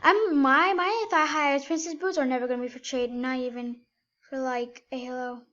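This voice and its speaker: Excitable high-voiced young woman vlogger. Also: moderate pace, muffled recording. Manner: excitable, many fillers. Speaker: gaming vlogger. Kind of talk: casual gameplay commentary.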